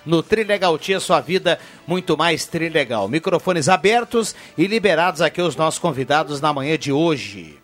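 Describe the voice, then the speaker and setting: A man's voice: a little high, lively intonation, normal speed, hardly any pauses, a bit bright. A man with a southern Brazilian accent hosting live radio, announcing sponsor spots and time checks.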